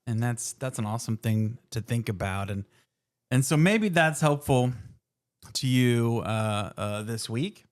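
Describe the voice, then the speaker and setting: A man's voice: medium pitch, expressive. A man who is a pastor, hosting a church podcast in an upbeat, joking way. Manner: upbeat, joking, quick to laugh. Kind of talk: casual church podcast chat.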